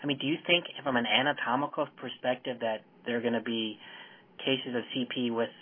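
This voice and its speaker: A man with a husky, mid-pitched voice moderates a scholarly discussion over a narrow phone line. He frames long, wordy questions and builds them up haltingly. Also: steady tone. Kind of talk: academic panel questioning.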